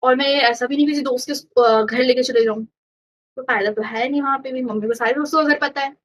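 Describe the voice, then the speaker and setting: Chatty high-voiced young woman vlogger. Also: fairly quick, low-quality recording. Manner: chatty, animated retelling with quoted dialogue. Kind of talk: casual storytelling.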